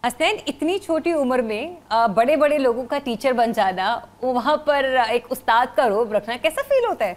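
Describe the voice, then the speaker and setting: A young woman with a Pakistani accent hosting a TV morning show, chatty and lively, slipping English words into her talk. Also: on the high side, a little slow, few pauses. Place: TV studio.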